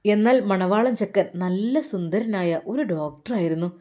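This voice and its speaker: A woman's voice: mid-range voice, normal speed, mellow. A woman narrating a dramatic family story, moving between narration and voices for each character.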